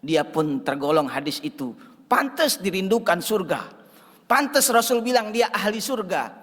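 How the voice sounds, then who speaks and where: A high-pitched male preacher delivers a Ramadan sermon as a dramatic story, repeating his phrases for emphasis. His voice carries a long reverberant tail through the mosque hall. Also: sing-song, moderate pace, a bit bright.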